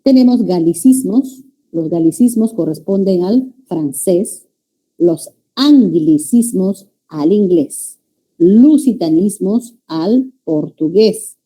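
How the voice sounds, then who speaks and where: A woman's voice: mid-range voice, lively intonation, takes it slowly, warm tone. A woman teaching a language class, lecturing students and often checking that they follow. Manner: addresses students as "jóvenes", checks understanding with "¿ya?".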